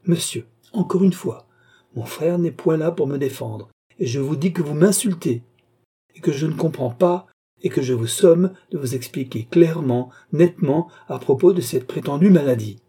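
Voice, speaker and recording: A man reading the part of a proud, defiant young noblewoman in an audiobook, with a dark, husky voice. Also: on the low side, brisk. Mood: indignant. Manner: haughty, defiant.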